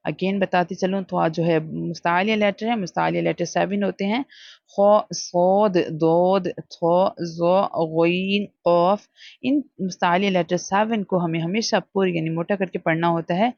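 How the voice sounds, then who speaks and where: A woman with a Pakistani Urdu accent teaching Quran reading, spelling syllables out slowly with quick explanations in between. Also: lowish voice, gravelly, no room sound. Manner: drawn-out syllables, quick asides. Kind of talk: slow spelled-out recitation lesson. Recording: dull lo-fi audio.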